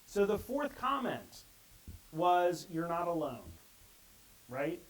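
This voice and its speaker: A man's voice: high-pitched, very animated, slow pace, poor audio. A middle-aged man giving a conversational conference talk and acting out the quotes he reads. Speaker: conference speaker.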